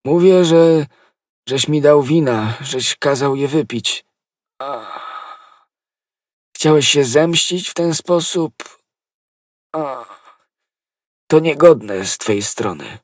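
A bitter soldier in his last moments, gasping and moaning out accusations, as a male narrator puts him on. The voice is husky and faltering, dipping from loud to barely there. It sounds dry and close, as in an audiobook. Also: fairly high pitch, expressive, extremely slow, pauses often, dry recording, pitched above the performer's own voice, full character voice. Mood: anguished. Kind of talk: audiobook reading.

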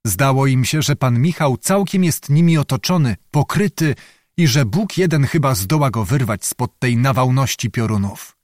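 Reading a historical novel, a male audiobook narrator keeps a measured, dramatic pace, his ordinary-pitched voice a little mellow and lively in intonation. The close, dry recording suggests a small studio booth with no room sound.

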